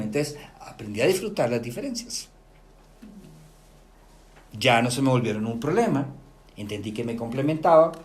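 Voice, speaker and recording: A middle-aged lecturer with a Colombian accent gives a lively talk to an audience, his voice on the high side. He regularly checks in with listeners through rhetorical questions.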